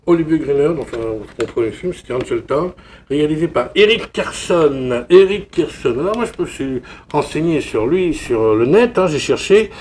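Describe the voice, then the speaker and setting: A man's voice: on the high side, animated, a little fast, darkish tone, a little hiss or hum. A man talking casually to his viewers about a film he unboxed, rambling with lots of fillers and restarts. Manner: chatty, addresses viewers directly. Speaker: film collector YouTuber.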